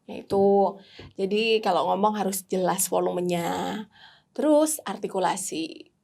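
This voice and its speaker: A woman, a radio announcer and MC, chatting casually as a podcast guest, lively and quick to laugh. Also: medium pitch, creaky. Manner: lively, laughs often, cheerful.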